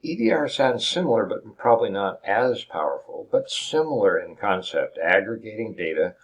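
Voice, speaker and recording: A man with a very low, deep voice delivers a recorded lecture over slides. He explains each term step by step, restarts his sentences often and poses rhetorical questions to his students. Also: slightly rough, highs cut off. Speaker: instructor.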